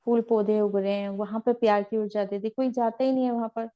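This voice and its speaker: A woman teaching meditation in a gentle, repetitive, instructive way. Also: fairly high pitch, fairly even intonation, quick pace, smooth, dull audio. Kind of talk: guided spiritual teaching.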